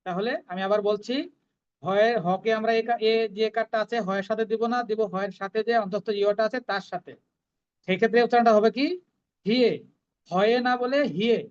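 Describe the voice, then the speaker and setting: A woman teaching Sanskrit verse recitation, chanting each line slowly and then explaining the pronunciation in quick, plain speech. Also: mid-range voice, steady tone, darkish tone, lo-fi sound. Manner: slow drawn-out chanting alternating with quick explanations.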